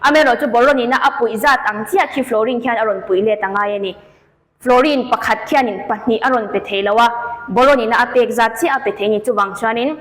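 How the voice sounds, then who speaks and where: A woman teacher walks through exam questions, listing and explaining each answer option one by one. Her voice is on the high side, quick and fairly bright, recorded in a large hall with low audio quality.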